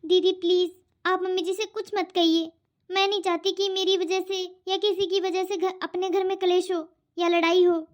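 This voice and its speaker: A woman's voice: extremely high pitch, little pitch movement, normal speed. A woman voicing a meek, patient young daughter-in-law in a cartoon, speaking politely and pleadingly. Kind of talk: cartoon voice acting. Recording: dull lo-fi audio.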